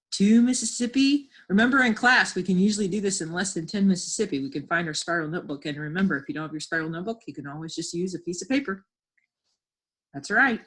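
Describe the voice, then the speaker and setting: A woman's voice: lowish voice, animated, fast, fairly bright tone, breathy edge. A woman teacher giving a lesson from home, patiently sounding out words and encouraging her class.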